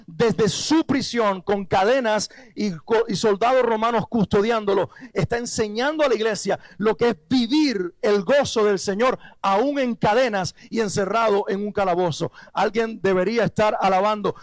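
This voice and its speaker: A male pastor delivers an emphatic sermon with a high, gravelly voice. He leads the congregation in call-and-response and breaks into playful asides in English. The sound is close and dry. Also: no echo.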